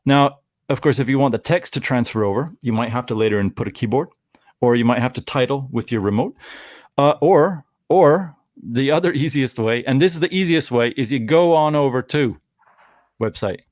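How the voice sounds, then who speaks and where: A man's voice: mid-range voice, normal speed, darkish tone, dry recording, clean studio sound. A Canadian man in his forties hosting a live stream, chatting casually and rambling, often cutting himself off with jokes. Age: 40s. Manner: rambling, self-interrupting, jokey.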